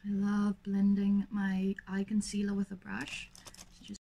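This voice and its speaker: A young woman with a raspy, lazy voice chatting casually through a makeup tutorial, full of fillers. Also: medium pitch, completely flat delivery, measured pace, mellow, a little hiss or hum. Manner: lazy, laid-back delivery full of fillers. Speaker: makeup vlogger.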